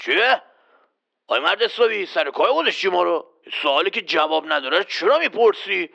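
Gravelly low cocky man, children's quiz skit, threatening, dull recording. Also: lively intonation, pushed and bright, full character voice. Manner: bossy, teasing, threatens the host. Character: gruff boastful man, touchy and threatening. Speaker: quiz contestant.

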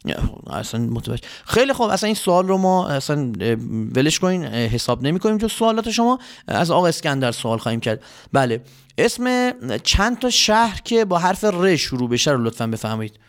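A man's voice: fairly high pitch, very animated. A man hosting a children's quiz show, patient and polite but flustered by his contestants. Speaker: quiz host.

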